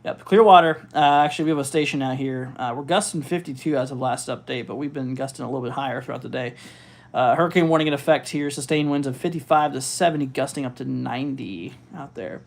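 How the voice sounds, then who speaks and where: A male livestream host talks through weather updates in an informal, off-the-cuff way. His mid-pitched voice has a noticeable gravelly fry, and he often stalls and thinks out loud as he looks up figures for viewers. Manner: informal, halting, thinking aloud while looking things up. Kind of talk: casual live weather commentary, reading out figures and answering viewers.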